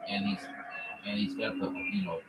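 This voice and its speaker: Deep rambling man over mistuned ham radio. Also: fairly even intonation, normal speed. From southern Missouri. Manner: rambling, full of "you know" fillers. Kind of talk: casual radio chat. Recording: noisy, echoey, distant radio reception.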